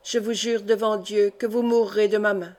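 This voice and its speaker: A woman voicing a fierce, loyal young man who speaks low and distinct, close to her own voice. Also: level tone, moderate pace, a little mellow, lightly acted. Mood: threatening.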